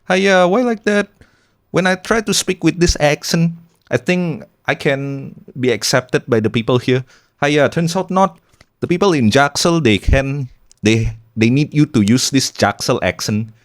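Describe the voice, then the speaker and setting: A man's voice: fairly high pitch, takes it slowly, pitched above the performer's own voice. A man voicing a scolding middle-aged Malaysian Chinese uncle in a Singlish accent, in an exasperated mock-scolding tone.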